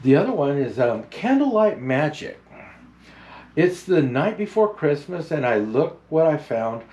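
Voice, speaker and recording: Kindly, unhurried Santa Claus, played by a man. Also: fairly high pitch, sing-song. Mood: gentle storytelling. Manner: halting, unhurried, gentle, many hesitations. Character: jolly old Santa Claus, kindly storybook host. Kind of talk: picture book reading with rambling chat.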